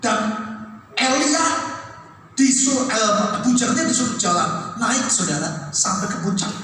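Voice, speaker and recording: A man preaching a sermon in a large church hall, animated, acting out the voices of people in his story. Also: extremely high pitch, a little slow, slight background noise. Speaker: pastor. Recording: echoey hall from far off.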